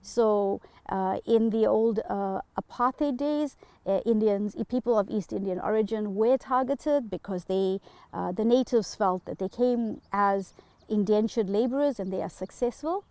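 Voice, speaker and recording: A South African woman speaking earnestly as an interview guest, pausing often with fillers. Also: medium pitch, warm tone, dry recording. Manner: earnest, halting with many fillers. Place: home.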